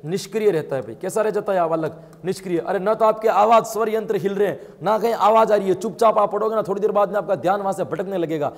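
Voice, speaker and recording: Male exam coach, Rajasthani Hindi accent, high voice, rapid emphatic lecturing, reverberant room. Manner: rapid, emphatic, rhetorical questions to students; addresses viewers as friends and brother. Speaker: exam prep teacher. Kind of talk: online exam coaching lesson.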